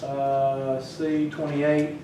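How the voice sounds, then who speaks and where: Teasing teacher in an echoey classroom. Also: male voice, fairly high pitch, monotone, very slow, dark tone. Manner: teasing, talks to students while working. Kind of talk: classroom lecture. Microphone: far from the mic. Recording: echoey classroom from far off, faint noise.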